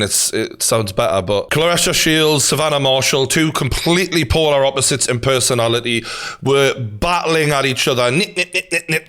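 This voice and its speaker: A man with a broad Newcastle Geordie accent hosts a casual reaction video. He talks bluntly and with strong opinions, swearing freely and addressing listeners like mates. His pitch sits in an ordinary middle range for a man. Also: a bit bright. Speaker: YouTube host and boxing commentator. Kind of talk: casual reaction commentary to camera.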